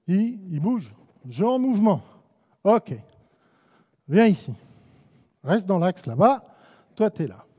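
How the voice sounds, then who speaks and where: French-accented male coach, high voice, long reverb of a gym with balls bouncing; clipped commands, teasing. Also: dark tone. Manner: barks short commands, teasing players. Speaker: basketball coach. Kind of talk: live coaching clinic on court. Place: indoor basketball gym. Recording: long echo of a gym hall.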